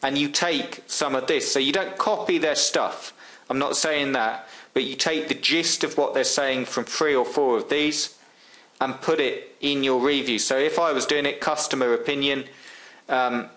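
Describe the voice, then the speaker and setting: A man's voice: medium pitch, fairly even intonation, moderate pace, fairly bright tone. A man giving a casual screen-share tutorial on writing website content, talking as if chatting with a friend, with plenty of ums and restarts. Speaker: online marketing tutor.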